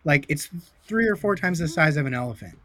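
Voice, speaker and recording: A man talks in a loose, excitable ramble, with casual swearing in an easy podcast chat. His voice is bright and sits a little high. The sound is dry and close, with no room around it. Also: brisk, no room sound. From California. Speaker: podcast guest.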